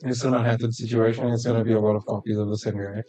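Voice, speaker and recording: A man playing in a tabletop game, tossing out quick joking asides. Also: lowish voice, flat delivery, mellow. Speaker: player. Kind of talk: casual chat during a tabletop game.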